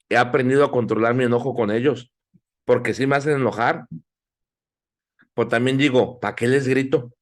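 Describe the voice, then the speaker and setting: A middle-aged man teaching a Bible class in sermon style, exhorting listeners and asking them questions. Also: medium pitch. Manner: exhorting, asks the audience questions.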